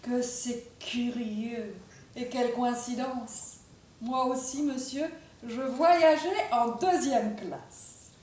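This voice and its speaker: A woman's voice: a little high, takes it slowly, a little mellow, far from the mic, a little hiss or hum. A woman playing a gushing, easily amazed lady. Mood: amazed, polite. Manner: exclaiming, affected politeness. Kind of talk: stage play performance. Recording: echoey room, miked from afar.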